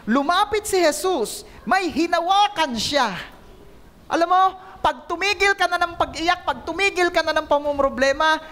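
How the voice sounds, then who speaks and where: A man's voice: very high-pitched, a bit bright. A male pastor giving an emphatic sermon, calling on the congregation to repeat after him and mixing Tagalog with English.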